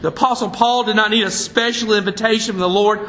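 A man's voice: high voice, steady tone, fast, fairly bright tone, reverberant, a little hiss or hum, low-quality recording. A man preaching a sermon from the pulpit, fiery and emphatic. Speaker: pastor. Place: church sanctuary.

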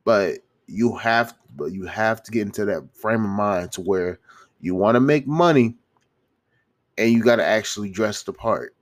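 Congested, stuffy-nosed man with a low voice. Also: moderate pace. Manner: rambling, repeats and restarts phrases; slangy, frequent swearing. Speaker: YouTuber giving self-improvement advice. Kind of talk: casual motivational monologue to viewers.

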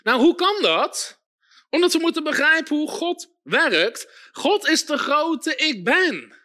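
Male preacher, high pitch, very animated delivery, emphatic and repetitive, calls out amens. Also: takes it slowly. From Netherlands. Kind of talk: sermon.

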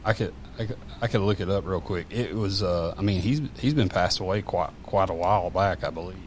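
A man's voice: low-pitched, fairly quick. A man chatting casually on a podcast, rambling with many fillers and restarts. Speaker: podcast guest. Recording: faint background noise.

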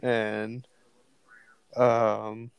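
A man on a podcast recalling a memory in a halting, casual way, with many fillers. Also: on the low side, flat delivery, gravelly, clean tone, no room sound. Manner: hesitant, lots of ums and likes. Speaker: podcast co-host. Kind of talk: casual storytelling.

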